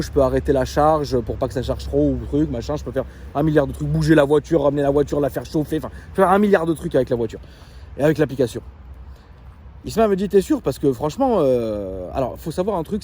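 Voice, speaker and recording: A man telling a story casually in a vlog, chatty and animated with many fillers, then showing off his car from inside it. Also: mid-range voice, fast, slight background noise. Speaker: car vlogger.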